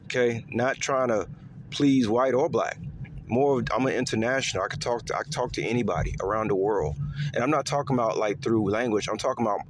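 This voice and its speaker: A male vlogger rambles casually to his viewers, repeating himself, using lots of fillers and letting his pitch swing up and down. There's a little hiss or hum in the audio.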